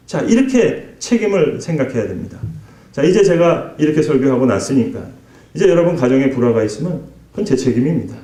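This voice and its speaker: A man's voice: on the high side, dark tone. A male pastor preaching a sermon with rhetorical questions and acted-out quotes. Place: church sanctuary. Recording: echoey church hall.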